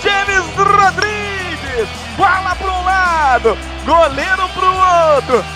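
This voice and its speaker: A Brazilian man commentating football on the radio, shouting a long drawn-out, excited goal yell. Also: extremely high pitch, over loud music.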